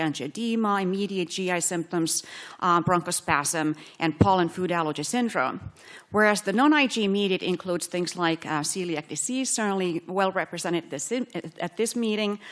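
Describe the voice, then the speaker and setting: Finnish-born woman presenting at a science meeting, steady middle voice, hesitant fillers. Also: mid-range voice. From Finland. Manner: many fillers and restarts, careful and explanatory. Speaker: physician researcher giving a conference talk. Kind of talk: scientific conference lecture.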